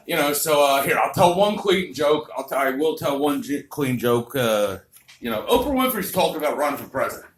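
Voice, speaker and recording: A man's voice: on the high side, big pitch swings, moderate pace, a bit bright. A man doing a crude, vulgar, rambling stand-up comedy set on a club stage. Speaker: stand-up comic. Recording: roomy club, distant mic, faint noise.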